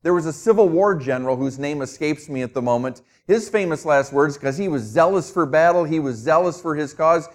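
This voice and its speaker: A middle-aged man from Minnesota, carrying a New Jersey accent, preaches a sermon as a guest pastor. His voice is on the high side and brisk with few pauses, and his style is easygoing and conversational, sprinkled with self-deprecating humor.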